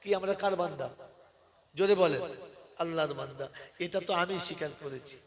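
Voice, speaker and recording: A man preaching a sermon in a lively, teasing way, calling on the listeners to shout answers back. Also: a little high, moderate pace, big-room sound. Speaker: Islamic preacher.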